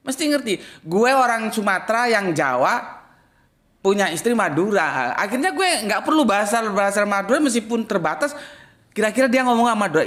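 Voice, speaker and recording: In a relaxed religious talk, a male Islamic study teacher speaks bluntly and slangily, alternating loud emphatic outbursts with quiet, muttered side comments.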